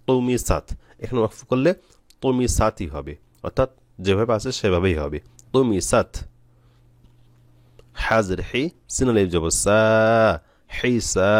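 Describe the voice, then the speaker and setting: A man from Bangladesh teaching Quran reading, spelling out letters and vowel marks one by one, then stretching out each recited word slowly. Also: fairly low pitch, darkish tone, no echo. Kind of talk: step-by-step recitation lesson.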